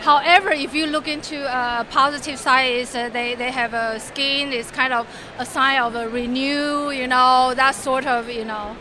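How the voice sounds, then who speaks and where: High-voiced woman, halting. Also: fairly even intonation. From Taiwan. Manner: halting, searching for words. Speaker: interview guest. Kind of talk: casual chat. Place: busy exhibition hall. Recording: crowd noise of a busy expo hall.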